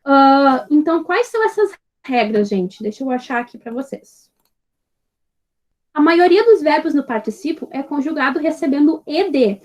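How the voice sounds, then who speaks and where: A woman's voice: sits high, lively intonation, a little mellow. A woman teaching an English grammar lesson, patient and explaining step by step, checking in with her students after nearly every phrase. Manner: spells out examples slowly and clearly.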